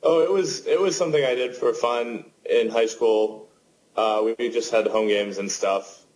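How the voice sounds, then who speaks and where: A man's voice: medium pitch, moderate pace, poor audio. A man in his twenties, a poker player guest, answering casually with lots of fillers and restarts. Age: 20s. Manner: relaxed, rambling with many fillers and restarts.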